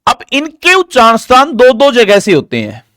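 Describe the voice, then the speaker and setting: Guy teaching a live class, high voice, slow and careful, quizzes then answers himself, dry close sound. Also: no room sound. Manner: asks questions and answers them himself, drilling; slow, deliberate explaining with an animated pitch. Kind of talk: live online grammar lesson.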